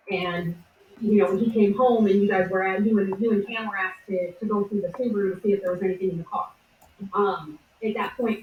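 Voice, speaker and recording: A woman with a mid-range voice talks casually and at length, hesitant and full of fillers. The phone-quality recording was made from a distance in an echoey room.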